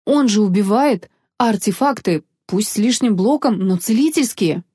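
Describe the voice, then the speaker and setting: A woman reading an audiobook voices an earnest, slightly nervous young woman artificer, raising her pitch a little. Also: animated, moderate pace, warm tone, breathy edge, no echo, clean studio sound. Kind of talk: audiobook character voice.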